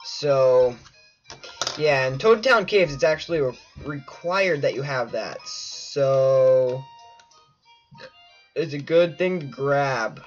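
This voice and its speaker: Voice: medium pitch, lively intonation, slow. A let's play host chatting casually over gameplay and talking to the viewers in a playful way. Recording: muffled lo-fi mic with faint game music.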